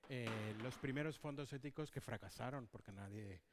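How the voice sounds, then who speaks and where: Un hombre español que modera una conversación en un congreso, asintiendo a menudo y guiando las preguntas. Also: male voice, mid-range voice, moderate pace, background noise. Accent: Spanish from Spain. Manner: frequent short agreement, steers questions. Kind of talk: conversational panel talk. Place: conference hall.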